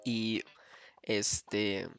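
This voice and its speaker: A man's voice: on the low side, little pitch movement, drawn-out words, gravelly, a bit bright, clean tone. A man with a Costa Rican accent telling a long personal story in casual chat, rambling with many fillers and restarts. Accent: Costa Rican Spanish.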